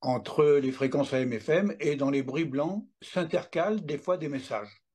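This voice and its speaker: A man's voice: on the high side, measured pace, darkish tone, breathy edge. A man in his seventies, a guest telling his own story in casual talk, acting out remembered dialogue as he goes. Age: 70s. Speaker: interview guest.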